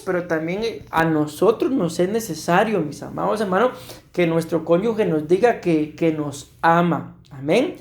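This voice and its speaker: A man's voice: high voice, a little mellow, roomy sound. A male pastor from Costa Rica preaching a sermon to his congregation, often addressing them as beloved brothers and punctuating points with amen. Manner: repeats "mis amados hermanos" and "amén" often. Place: church.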